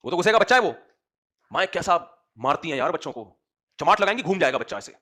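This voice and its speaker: A man's voice: on the high side, big pitch swings, quick pace, sharp tone. A man giving a sermon as an Islamic preacher, speaking with a rhetorical manner and often addressing his listeners directly.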